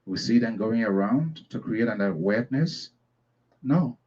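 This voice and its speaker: A man's voice: lowish voice, animated, measured pace, darkish tone, slightly rough. A man hosting a radio program, speaking in an emphatic, preachy way. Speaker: program host. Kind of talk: broadcast commentary. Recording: dull lo-fi sound.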